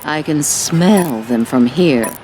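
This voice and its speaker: A woman's voice: sits low, animated, slow pace. An actress playing a haughty, disdainful rich woman in a video game, sneering with snobbish disdain. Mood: snide, disgusted. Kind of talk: video game character dialogue. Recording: loud vehicle-like background noise.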